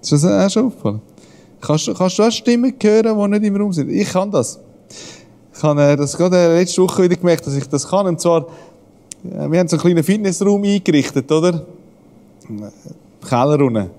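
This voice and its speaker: A high-pitched man speaks as a pastor in a relaxed devotional style. He tells homely anecdotes, chuckles easily and acts out other people's lines. His voice trails into a long reverb. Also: brisk, pauses often. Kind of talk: casual devotional talk.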